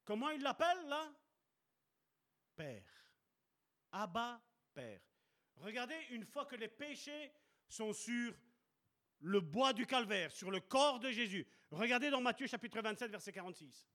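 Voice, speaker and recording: A man's voice: very high-pitched, big pitch swings, measured pace, pauses often, fairly bright tone. A man preaching a sermon at a church service, emphatic and repeating short commands.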